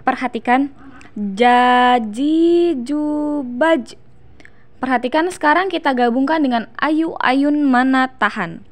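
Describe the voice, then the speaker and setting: A young Indonesian woman explaining Quran recitation letter by letter and sounding out syllables slowly and drawn out as examples. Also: high voice. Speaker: student presenting a Quran recitation lesson. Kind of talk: instructional explanation with slow demonstrations.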